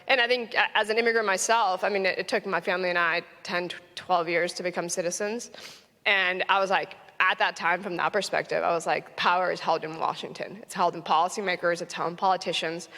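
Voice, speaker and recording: A woman's voice: lowish voice, steady tone, brisk, bright, forceful tone. A young adult woman from Florida, a venture investor speaking earnestly on a conference panel with frequent "um"s and restarts. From United States (Orlando, Florida). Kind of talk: conversational panel talk. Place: conference stage in a large hall. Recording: long hall reverb.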